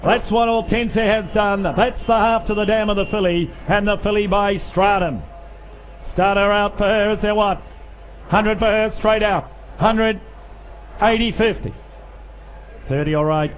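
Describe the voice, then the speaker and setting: Male auctioneer, high-voiced, cajoling bidders with repetitive chanted figures, recorded over live sale noise. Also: fairly even intonation, unhurried. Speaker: livestock auctioneer. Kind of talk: rapid auction chant with bid calling and sales patter.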